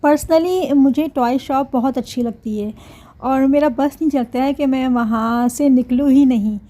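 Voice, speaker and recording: A woman's voice: high-pitched, a little slow, warm tone. A woman, narrating her family vlog chattily and talking to her viewers. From Pakistan. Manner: chatty, laughs often, addresses viewers. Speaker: vlogger.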